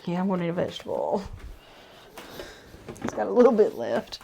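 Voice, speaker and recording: A woman's voice: lowish voice, very animated, a little fast, gravelly, warm tone, a little hiss or hum. A woman with a Southern country accent, chatting casually and laughing easily as she cooks in her home kitchen. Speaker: home cook, co-host. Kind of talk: casual cooking chat.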